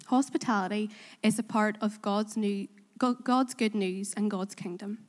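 Speaking at normal speed with a steady, medium-pitched voice, a Korean-accented woman preaches to a Belfast congregation, asking them questions. She comes across as earnest and self-deprecating, and the recording has the echo of a reverberant hall.

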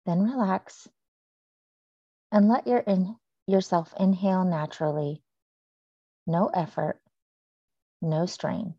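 A woman leading a guided breathing meditation, speaking slowly and softly with long pauses. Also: fairly low pitch, fairly even intonation, dry recording, highs cut off. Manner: slow, soft and soothing with long pauses.

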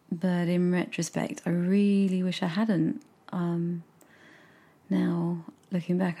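A woman writer with a regional British accent, musing softly about her draft and often dropping into a whisper. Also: lowish voice, gravelly, slightly rough. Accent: regional British, drops consonants. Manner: soft-spoken, often drops to a whisper, musing. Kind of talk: casual reflective talk to camera.

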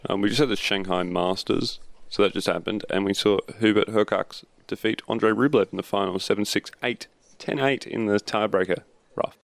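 Deep, gravelly man, casual podcaster. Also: normal speed. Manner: rambling, informal, self-interrupting. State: recovering from wisdom teeth removal. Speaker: podcast host. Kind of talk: casual solo sports podcast commentary.

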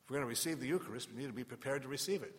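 A male priest speaks from inside a big church, his words trailed by long cathedral echo. His voice sits at a medium pitch. He reads and preaches solemnly and deliberately, setting off phrases with weighty pauses. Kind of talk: liturgical Gospel reading and homily. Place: large reverberant church. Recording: long cathedral-like echoing reverb.

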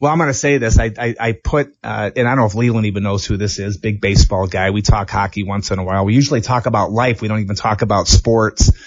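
A man's voice: lowish voice, steady tone, quick pace, hardly any pauses, no room sound. An eager male host asks questions and tells anecdotes, voicing the people in his stories. The sound is dry and muffled, recorded in an office. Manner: enthusiastic storyteller, acts out quotes. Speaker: interview host, former hockey player. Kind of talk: casual interview.

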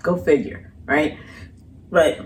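A middle-aged woman telling a personal story in a casual, colloquial way as a podcast guest. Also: takes it slowly. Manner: animated, colloquial, breaks into laughter and high voices when quoting. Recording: distant mic with faint background noise.

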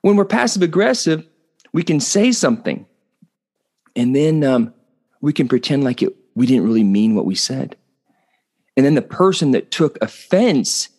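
A man with a voice of middling pitch talks alone into the mic as a podcast host. His tone is earnest and explanatory, and he often stumbles into restarts and repeats words as he works through a point. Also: a little mellow. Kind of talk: solo podcast monologue on relationships.

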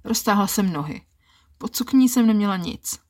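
A woman telling a first-person erotic story in a calm, intimate storytelling manner. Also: mid-range voice.

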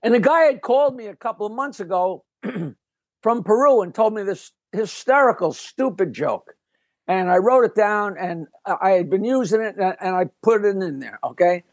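An older man, a comedian guest, telling stories in a lively, rambling way, often breaking off and restarting with a chuckle. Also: sits high, moderate pace, no room sound. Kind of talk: casual storytelling interview.

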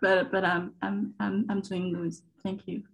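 A woman from Ivory Coast with an Ivorian French accent, answering interview questions haltingly as she searches for words. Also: medium pitch, flat delivery, gravelly, low-quality recording. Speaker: startup founder and guest.

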